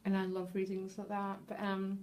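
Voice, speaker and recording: A woman reads tarot cards for her viewers in an earnest, heartfelt way. She is openly moved as she speaks and keeps checking in with them as she goes. Her voice sits at an everyday middle pitch. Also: completely flat delivery, moderate pace, darkish tone, slight background noise. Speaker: tarot reader. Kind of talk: tarot reading addressed to viewers.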